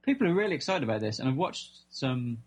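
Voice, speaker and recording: Husky guy, normal pitch, teasing gaming podcast banter, loses his thread sometimes. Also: very animated, fast. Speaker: podcast co-host. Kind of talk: casual gaming podcast chat.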